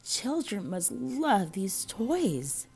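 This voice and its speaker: A woman's voice: medium pitch, very animated, extremely slow, vocal fry, a little mellow, husky, faint music behind, heavily acted. A woman voicing a jolly, good-natured, eager Santa Claus with kindly, cheerful speech in a children's storybook.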